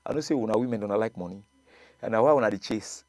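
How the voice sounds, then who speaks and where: Low-voiced Nigerian man debating casually. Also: fast, darkish tone, dry recording, clean studio sound. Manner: emphatic, repeats words, laughs often. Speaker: coach and show guest.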